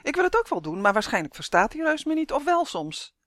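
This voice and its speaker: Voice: very animated, fairly quick, fairly bright tone, dry recording, studio quality. A reader voicing a tiny male dragonfly elf in a storybook, with a thin, buzzing, fussy way of talking. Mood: polite. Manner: high, buzzing, anxious and fussy. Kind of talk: storybook reading.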